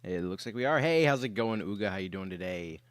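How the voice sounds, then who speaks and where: A young man with a fairly low voice hosts a casual livestream while sick. He drifts from thought to thought with plenty of fillers and now and then clears his throat. The sound is dry, with no room echo. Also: expressive, brisk. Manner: rambling and laid-back, many fillers. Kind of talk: casual livestream chat with viewers. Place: his bedroom.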